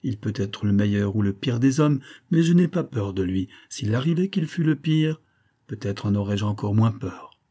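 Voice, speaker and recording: A man reads the part of a scheming, smooth-talking middle-aged army major who is pompous, theatrical, and mock-affectionate toward his wife. His voice is mellow and fairly low, with lively intonation at normal speed.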